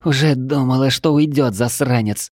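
A man voicing a tough female archer warrior with a raspy, gruff voice in an audiobook. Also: medium pitch, normal speed, no echo, clean studio sound, pitched above the performer's own voice, natural voice. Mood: exultant.

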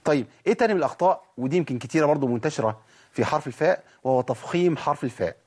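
Egyptian sheikh teaching recitation. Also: male voice, fairly high pitch, expressive, a little mellow, husky. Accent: Egyptian Arabic. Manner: explains patiently, breaks into slow drawn-out demonstration sounds. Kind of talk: recitation lesson.

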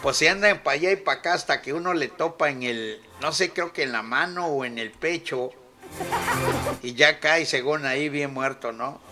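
A man's voice: a little high, moderate pace, music in the background. A man with a Mexican accent hosting a radio show, retelling a film in casual, profane, rambling talk and laughing often. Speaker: radio host.

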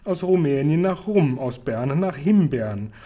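A man's voice: fairly high pitch, lively intonation, unhurried, mellow, dull audio. A man voicing a clever little girl who answers dryly and patiently while reading a storybook aloud. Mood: knowing. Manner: dry, patient, slightly weary.

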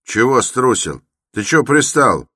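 A man doing a gruff, barking yard-keeper. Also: medium pitch, big pitch swings, a little slow, a bit bright, dry recording, clean studio sound, voice pushed up, exaggerated voice. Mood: irritable. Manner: barking, impatient questions. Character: gruff suspicious male yard-keeper, irritable.

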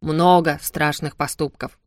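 A woman's voice: low-pitched, fairly even intonation, a little slow, dry recording, clean studio sound, voice pushed down. A woman voicing a greedy, smug male cat familiar who gleefully tells on his owner between mouthfuls of sweets, in a storybook reading. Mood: gloating. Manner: gleeful gossiping, chewing while talking.

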